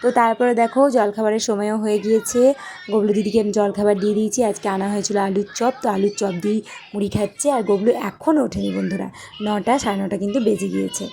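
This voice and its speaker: Fast-talking woman doing vlog voice-over, warm dark voice, chatty with her viewers. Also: mid-range voice, little pitch movement, creaky. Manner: chatty, addresses viewers as friends. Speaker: vlogger.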